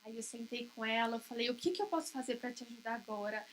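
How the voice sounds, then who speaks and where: A woman in her thirties giving a church talk, telling family stories and softly acting out what was said. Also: a little high, fast talker, slight background noise. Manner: tells homely anecdotes, acting out dialogue softly. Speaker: pastor's wife preaching. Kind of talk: sermon with personal story.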